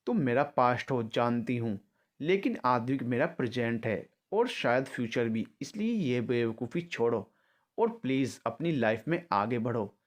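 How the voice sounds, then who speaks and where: A man's voice: mid-range voice, lively intonation, unhurried, lightly acted. A man voicing a defiant married young woman in a storybook love story, snapping back sharply. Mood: firm. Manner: sharp, angry retorts.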